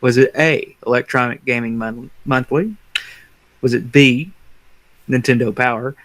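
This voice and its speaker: A man co-hosting a casual podcast, reading out trivia questions and answer options slowly and deliberately. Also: medium pitch, fairly bright tone, no room sound, rough recording. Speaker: podcast co-host running a trivia quiz.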